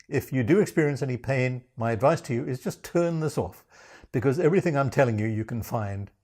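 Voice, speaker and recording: A man's voice: medium pitch, fairly quick, warm tone. A man from Africa, presenting a scripted introduction with dry, self-mocking humor. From South Africa. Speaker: program founder presenting.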